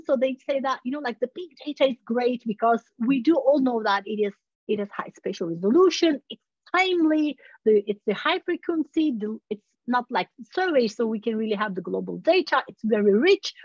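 Through muffled laptop video-call audio, a woman from Turkey lectures in a university webinar with a high, breathy-edged voice and no echo. She keeps it casual, frequently saying "you know, like" and correcting herself.

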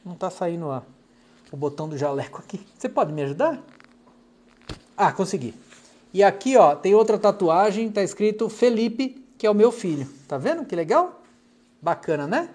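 A middle-aged man from Brazil with a Brazilian Portuguese accent, a clinical hypnotherapist chatting casually on a live stream and reading out viewer comments, affectionate and chatty, often dropping softly aside to someone off camera. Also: high-pitched, sing-song, normal speed.

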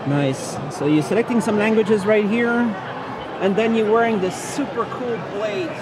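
A man's voice: high voice, normal speed. A man hosting a casual trade-show interview from behind the camera, firing eager follow-up questions. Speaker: video interviewer and show host. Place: busy indoor trade-show hall. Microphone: camera mic, speaking from behind the camera. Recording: loud expo crowd and hall noise. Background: loud crowd chatter and hall noise.

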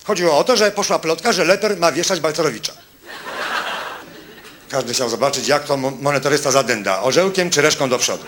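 A man's voice: fairly high pitch, animated, fairly bright tone, a little hiss or hum. Man doing mocking stand-up comedy. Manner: quick punchlines, mocking, talks to the audience. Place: stage before a live audience.

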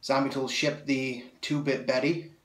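At a measured pace, a young man reviews a blade with enthusiasm, his medium-pitched voice level and fairly bright, though slightly nasal from a cold. His casual talk rambles with plenty of fillers. He's indoors in a small room full of swords, with a distant camera mic several feet away adding a roomy echo.

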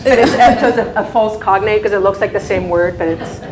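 In a large conference room, a Spanish-raised native Spanish speaker in her thirties gives a presentation in a chatty style, with lots of fillers and restarts. Her mid-range voice moves fairly quickly over a crowd in the background. The room echoes and carries a faint hum.

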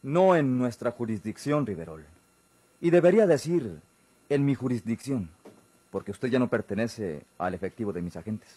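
In a golden-age radio drama, a Mexican actor takes the role of a stern, dismissive police chief who speaks formally with curt authority. His mid-range, slightly rough voice has a dark tone and big pitch swings at normal speed, recorded dry.

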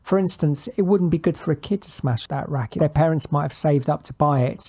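Male podcast co-host, warm mellow voice, ponders aloud, restarts his sentences. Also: a little high, fast talker, breathy edge. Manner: thoughtful, hesitant, self-correcting. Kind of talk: casual chat.

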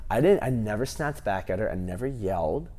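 Animated man telling stories in a gym. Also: lowish voice, brisk. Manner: animated storytelling, lots of fillers. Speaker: gym owner and coach. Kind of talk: podcast interview answers. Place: large empty gym, indoors. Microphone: lapel mic.

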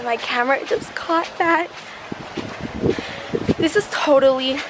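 A woman's voice: sits high, background noise. A young woman and stay-at-home mom vlogging casually to her camera at the beach, chatty and saying "like" a lot. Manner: chatty, says "like" often. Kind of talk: casual vlog chat to camera. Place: outdoors at a beach. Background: loud music.

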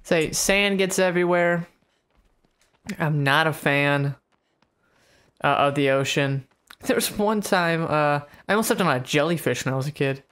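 A man's voice: on the high side, moderate pace, a bit bright, clean tone. A man casually chatting while playing a video game, rambling through tangents and laughing often. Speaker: let's play co-host, player. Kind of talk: casual gameplay chat.

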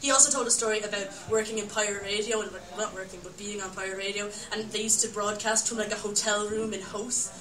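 A woman's voice: medium pitch, steady tone, fast talker, hardly any pauses, a crowd in the background. A young Irish woman telling a rambling story live, laughing often and breaking off into asides. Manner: rambling, laughing, self-interrupting with "like". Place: live storytelling night venue. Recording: echoey room, mic at a distance, audience heard. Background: audience.

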